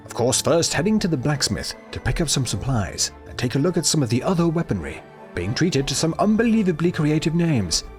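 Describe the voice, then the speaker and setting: A man narrating a comic video game review with sarcastic, mocking delivery. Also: medium pitch.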